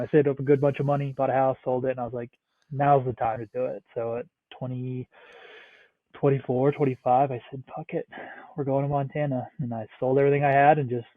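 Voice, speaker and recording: Here the same kind of speaker, a Northeastern US man around thirty, rambles through a relaxed podcast interview, leaning on "like" and cursing without hesitation. His pitch sits in the middle. The audio is a tinny remote phone line, dry and echo-free.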